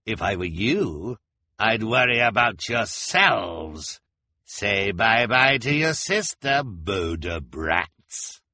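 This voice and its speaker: Theatrical storybook villain, cruel and gloating, bright edgy tone, dry close sound; a man performs it. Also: fairly low pitch, very animated, no room sound, heavily acted. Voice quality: drawn-out, sneering delivery. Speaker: audiobook reader. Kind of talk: audiobook character voice.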